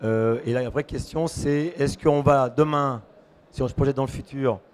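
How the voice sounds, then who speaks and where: Hoarse man speaking on a panel. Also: mid-range voice, a little mellow. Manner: quick explanatory, many fillers. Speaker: panelist, consultant. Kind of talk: panel discussion.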